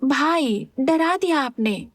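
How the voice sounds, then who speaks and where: A woman's voice: sits high, expressive, slow, no room sound, studio quality, voice pushed up. A woman voicing a young woman who teases her brother playfully and answers her husband curtly and bitterly. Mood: teasing. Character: young woman, playful teasing sister turned cold wife.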